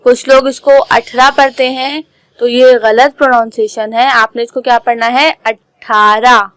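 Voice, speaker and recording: A woman school teacher giving an online class, spelling out words slowly letter by letter. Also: high voice, steady tone, no echo, rough recording. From Pakistan. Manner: slow, careful letter-by-letter dictation.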